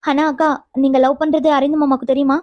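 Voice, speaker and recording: A woman's voice: sits high, fast talker, dry recording, lo-fi sound, close to an everyday voice. A woman voicing a caring young woman in a cartoon who reassures and questions the older sister figure. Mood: reassuring. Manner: reassuring, curious, lively. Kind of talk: animated cartoon dialogue.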